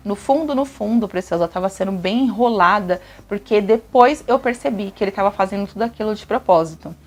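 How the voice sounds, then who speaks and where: Young woman, Brazilian Portuguese accent, mid-pitched, casual confessional vlog delivery, speaks directly to viewers. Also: fairly quick. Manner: chatty, addresses viewers directly. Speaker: vlogger. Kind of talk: emotional personal confession.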